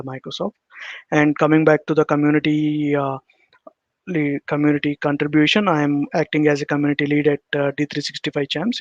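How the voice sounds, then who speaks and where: Man, Indian accent, fairly high flat voice, halting presenter on a video call, repetitive phrasing. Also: dry recording. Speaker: guest presenter, solution architect. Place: indoor room, on a video call. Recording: dull, close-sounding video call audio.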